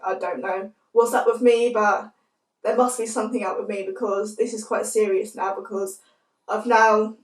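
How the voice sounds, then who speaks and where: Sick with a cold, a young woman vlogging to camera sounds croaky and congested, her voice fairly high. She speaks softly in a rambling, casual way with lots of "like," and the mic seems to be across her bedroom, giving a roomy, slightly distant sound.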